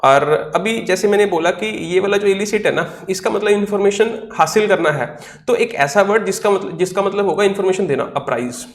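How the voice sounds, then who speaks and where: A man's voice: high voice, a little fast, roomy sound. A man teaching English vocabulary in an online class, explaining step by step, spelling words out letter by letter and answering his own questions. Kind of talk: online class lecture in Hindi.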